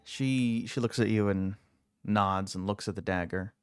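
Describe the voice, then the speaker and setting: Slow, suspenseful male game master. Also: on the low side, clear, resonant tone, no echo, studio quality, faint music behind. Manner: suspenseful storytelling with deliberate pauses. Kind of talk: narrating a tabletop fantasy game.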